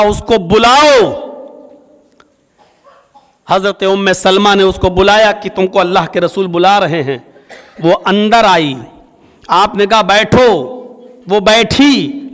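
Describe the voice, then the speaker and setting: A male Islamic preacher giving a sermon, telling a story and acting out its dialogue with swings in pitch. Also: fairly bright tone, in a large hall. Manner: storytelling, acts out dialogue with rising and falling pitch.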